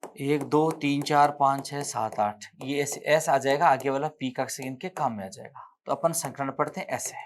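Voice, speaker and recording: A man's voice: mid-range voice, moderate pace, a little hiss or hum. A man with a Rajasthani accent teaching an exam-prep chemistry lecture, explaining step by step, counting aloud and correcting himself as he writes on the board.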